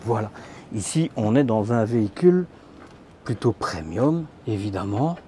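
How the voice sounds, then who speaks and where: This camper van vlogger has a dark, lowish voice and speaks animatedly but a little slowly as he films a handheld walkthrough inside vans at a large indoor trade show. He chats informally, uses "tu" with the viewer, and fills in with lots of fillers. A slight hiss or hum is present.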